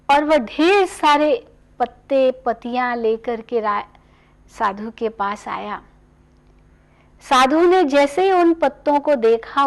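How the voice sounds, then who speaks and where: Slow, high-voiced woman giving a spiritual talk. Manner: gentle, measured, instructive. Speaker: spiritual speaker.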